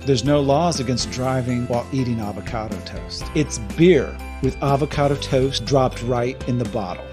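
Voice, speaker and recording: A man's voice: medium pitch, moderate pace, over music, lightly acted. A man playing a smug announcer in a parody beer commercial, with a punchy, sarcastic hard-sell delivery.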